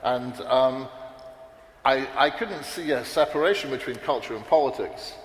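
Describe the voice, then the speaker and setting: At a moderate pace and in a mid-range voice, a man rambles through his panel remarks, unscripted and peppered with fillers and false starts. The hall is large and echoey, with faint noise behind him.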